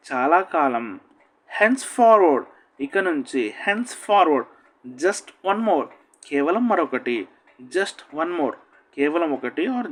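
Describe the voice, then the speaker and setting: Male teacher voice for slow phrase drills, very unhurried delivery, lively rise and fall, English lifted and stressed, translation dropped low and quick.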